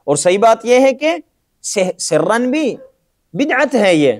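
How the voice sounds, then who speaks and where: A man's voice: very high voice, big pitch swings. A man teaching a lesson on Islamic jurisprudence, who poses rhetorical questions, answers them himself, and keeps checking that his students have understood. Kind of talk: classroom lecture on Islamic jurisprudence.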